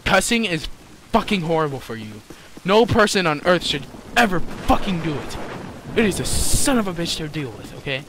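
A man's voice: fairly high pitch, very animated, moderate pace, background noise. Young man cursing over gameplay. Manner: rambling, joking, swears then scolds himself. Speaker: gameplay commentator. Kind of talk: casual gameplay commentary. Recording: game music behind the voice.

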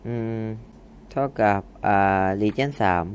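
This coding tutorial host is a young man who speaks slowly in a low voice, talking through his code in a casual screen recording. As he types he muses aloud, spells out the code word by word, and fixes his own slips.

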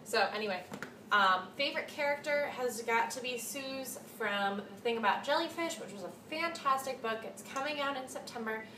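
A high, lively voice at a moderate pace belongs to a woman in her twenties who reviews books on video. She chats to camera indoors in a small, cluttered home room, repeating words as she gushes. The camera mic is a short distance away, so there's room echo and faint hiss.

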